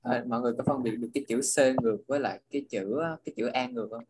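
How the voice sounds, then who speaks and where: A man in a casual study group chat, talking in halting bursts that restart mid-sentence. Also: medium pitch, fairly even intonation, noisy background.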